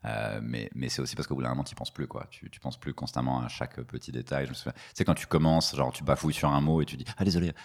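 A stand-up comic with a remarkably deep, low voice, speaking quickly. He is slangy and relaxed in a casual interview chat, and he rambles from one thought to the next. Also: vocal fry. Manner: slangy, laid-back, rambling. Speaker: stand-up comedian.

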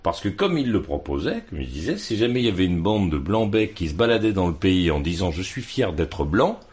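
A man's voice: low voice, very animated, fairly quick, a little mellow. A man calling in over the phone to a radio debate, blunt and slangy, laughing at his own points. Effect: heard over the phone.

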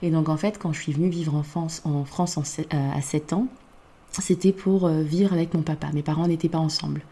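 A woman's voice: deep voice, steady tone, fairly quick, warm tone. A woman from Côte d'Ivoire talking in a casual podcast conversation, reflective and hesitant, with many fillers.

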